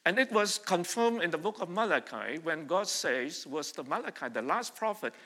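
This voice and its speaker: With a high, husky, sharp voice, a middle-aged pastor from Vietnam delivers a very animated sermon at normal speed. He keeps it conversational, putting questions to the congregation in call-and-response, and the church hall adds a long reverb.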